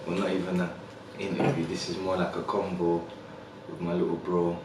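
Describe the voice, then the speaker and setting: Deep, flat-voiced male podcast host. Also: brisk, heavy reverb, far from the mic, noisy background. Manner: easygoing, frequent "like" and "yeah". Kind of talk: casual interview.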